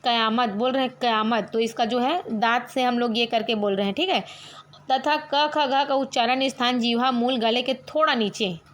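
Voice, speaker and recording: A woman teacher giving an online grammar lesson, explaining step by step, asking questions and answering them herself, and sounding out letters slowly one at a time. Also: on the high side, fairly even intonation, fairly bright tone.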